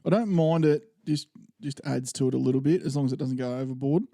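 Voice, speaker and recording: Australian man, podcast host, gravelly, dark, dry close sound, wry. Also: medium pitch, fast, no echo. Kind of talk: casual chat over beers.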